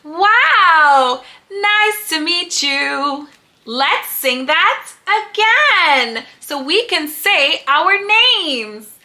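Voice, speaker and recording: A woman leading a sing-song lesson as if reading to a toddler, with exaggerated, encouraging delivery and simple phrases with pauses for replies. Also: extremely high pitch, sing-song, sharp tone. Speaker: children's educator host. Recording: roomy echo.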